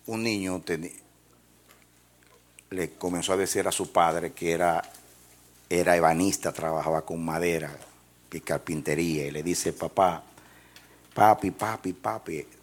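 A man's voice: low voice, fairly even intonation, normal speed, long pauses. A man preaching a sermon and telling a story to his congregation. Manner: storytelling, rising to shouted praise.

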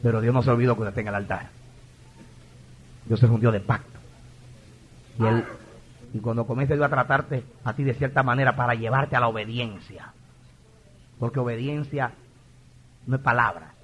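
A man's voice: medium pitch, steady tone, moderate pace, pauses often, fairly bright tone, breathy edge, highs cut off. A man in his forties preaching an impassioned, emotional sermon, often stumbling and repeating words as he testifies. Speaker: pastor.

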